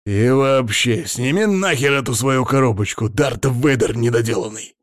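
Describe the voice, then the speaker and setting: A man voicing a furious, hysterical male hamster-like alien who yells shrilly and swears. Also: animated, normal speed, no room sound, clean studio sound, close to an everyday voice. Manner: shrill, hysterical, foul-mouthed yelling.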